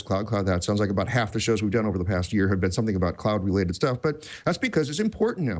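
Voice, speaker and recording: A man's voice: mid-range voice, a little mellow. A man hosting a tech podcast in casual chat, rambling and self-deprecating, with many restarts. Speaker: podcast host.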